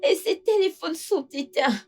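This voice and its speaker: A woman's voice: very high voice, animated, normal speed, a little mellow. A woman dubbing an anxious young housemaid who speaks in a panicky, tearful way. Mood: panicked. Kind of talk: dubbed film acting. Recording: distant mic with music.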